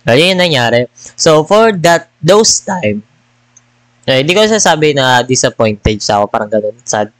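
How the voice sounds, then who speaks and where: A man's voice: mid-range voice, very animated, normal speed, no room sound. Casual rambling man on a dry headset mic. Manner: rambling, mixes Tagalog and English. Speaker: gaming vlogger. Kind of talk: casual chat.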